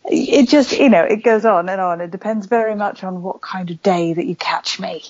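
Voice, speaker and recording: On a podcast, a West Wales author rambles through a relaxed interview chat, filling it with plenty of fillers. She speaks at medium pitch and normal speed, a little mellow. The recording is dry with highs cut off.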